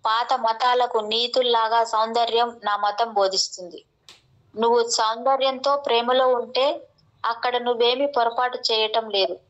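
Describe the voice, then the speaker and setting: Woman narrator, spiritual reading, fairly high voice, slow even delivery, muffled lo-fi sound.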